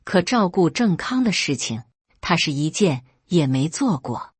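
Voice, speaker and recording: Woman narrator for a first-person story read-aloud, husky lowish voice, lively delivery, dry close recording. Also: measured pace, no room sound. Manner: lively storytelling, briefly voicing characters.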